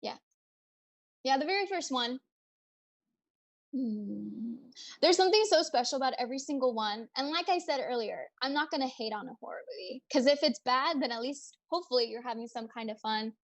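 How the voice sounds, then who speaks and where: A young woman hosting a casual livestream, chatting brightly and reading out viewer comments and questions. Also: high voice, lively intonation, fairly quick. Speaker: livestream host.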